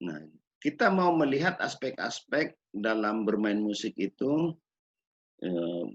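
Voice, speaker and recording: A man gives a measured lecture on children's music education, pausing to ask rhetorical questions. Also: on the low side, sing-song, breathy edge. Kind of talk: recorded lecture. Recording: dull lo-fi recording.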